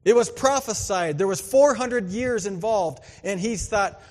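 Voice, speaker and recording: A male pastor preaching a conversational sermon, swinging from emphatic bursts to hushed asides. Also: high voice, measured pace, in a large hall.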